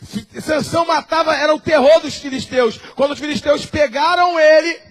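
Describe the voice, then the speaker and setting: A man preaching a sermon in a Brazilian Portuguese accent, switching between quiet asides and shouted, acted-out quotes. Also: extremely high pitch, moderate pace. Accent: Brazilian Portuguese, Rio de Janeiro area. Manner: impassioned preacher, acts out quoted voices and shouts. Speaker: apostle preaching.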